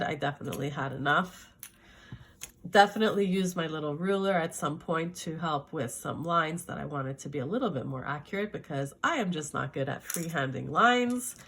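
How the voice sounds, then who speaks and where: A middle-aged Canadian woman with a sore throat chats enthusiastically about her art supplies in a casual video. Her voice is fairly low and a bit bright, and as an art vlogger she's talkative, correcting herself as she goes.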